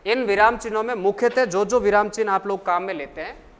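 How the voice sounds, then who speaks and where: A man teaching a lesson, asking the class questions and answering them himself in a slow, deliberate way. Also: high voice, a bit bright, long reverb tail. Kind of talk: classroom lecture.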